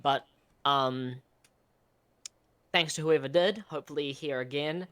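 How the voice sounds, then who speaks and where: A man's voice: on the high side, measured pace, a bit bright, clear, resonant tone. A young man co-hosting a casual chat, easygoing and hesitant, with frequent ums and restarts. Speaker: co-host.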